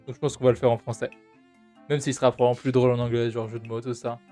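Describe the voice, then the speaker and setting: Male streamer, mid pitch, casual rambling commentary over faint game music. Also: level tone, rapid-fire, warm tone. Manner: chatty, hesitant, many filler sounds.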